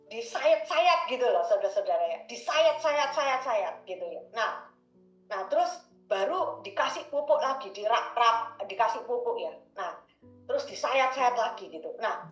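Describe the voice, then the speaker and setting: A woman's voice: on the high side, fairly bright tone. A woman giving a casual devotional talk, chatty and repetitive, often addressing listeners as brothers and sisters. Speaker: devotional speaker. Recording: roomy, dull lo-fi recording with faint music.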